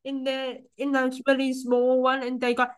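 A woman's voice: sits high, monotone, normal speed, clear, resonant tone, rough recording. A young woman hosting a podcast in casual conversation, rambling with lots of "like" and restarts. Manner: rambling, heavy use of "like" and restarts. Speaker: podcast host.

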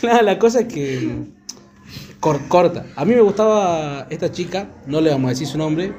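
A young Argentine man with a Córdoba accent hosts a casual podcast chat, teasing his friend and laughing as he talks. His voice is fairly high and darkish, animated, and at a normal pace.

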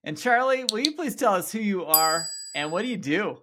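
A man's voice: high-pitched, animated, normal speed, very noisy. A man hosting a podcast interview, enthusiastic and affirming, often cheering his guest on. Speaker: podcast host. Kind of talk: casual interview.

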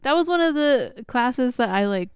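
A young woman co-hosts a laid-back history podcast. Her voice is smooth and clear, recorded close and dry. She rambles with plenty of fillers and casual swearing. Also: sits high, lively intonation, moderate pace, dry recording. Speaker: podcast co-host.

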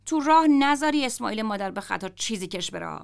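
A woman's voice: a little high, lively intonation, creaky, clean tone. A woman reading the lines of a bossy, sly male warehouse boss in a story.

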